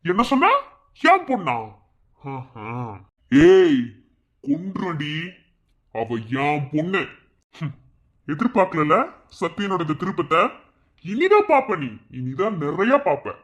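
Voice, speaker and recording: A man voicing a bitter, vengeful father in a cartoon, taunting and shouting at his wife. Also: on the high side, lively intonation, unhurried. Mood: gloating. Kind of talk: fan cartoon voice acting.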